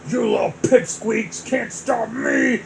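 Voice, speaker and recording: A woman voicing a gruff, hulking male turtle king villain who bellows, brags and sneers. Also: medium pitch, huge pitch swings, takes it slowly, slight background noise, heavily acted, rough recording. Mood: bellowing.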